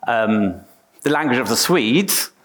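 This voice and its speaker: A man's voice: medium pitch, expressive, slow pace, fairly bright tone. A middle-aged English man giving a conference talk on stage, chatty and self-deprecating, with frequent restarts. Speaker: conference speaker.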